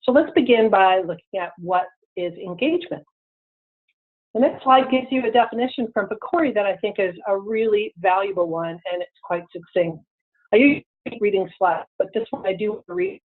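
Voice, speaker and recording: A woman on a crackly phone line presenting a webinar lecture, her voice tinny and narrow, fading in and out. She talks at an ordinary pitch in a measured way, with frequent ums and restarts. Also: expressive.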